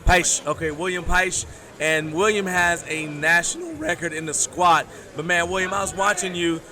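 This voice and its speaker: A man's voice: sits high, animated, moderate pace. A man hosting a livestream, casually interviewing a competitor at a powerlifting meet. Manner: chatty, friendly questioning. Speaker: livestream host interviewing lifters. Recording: crowd chatter behind.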